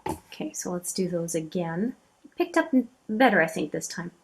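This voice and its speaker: A woman hosting a beauty channel, talking casually as she swatches eyeshadows, chatty and admiring, often trailing off into quiet asides. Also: fairly low pitch, very animated, moderate pace, gravelly, slight background noise.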